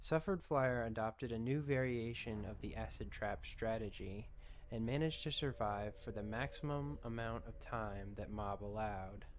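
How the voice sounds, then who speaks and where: A man's voice: lowish voice, normal speed, a little hiss or hum. A man reading scripted documentary-style narration as the narrator of a video.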